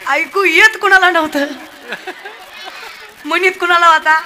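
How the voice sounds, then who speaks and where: A high, bright woman's voice carries a humorous devotional sermon from a stage. She teases her listeners and slips in and out of the people in her stories. Her tone stays sharp and penetrating throughout. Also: measured pace. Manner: lively, teasing the audience, acts out characters in the tale. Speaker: kirtan preacher.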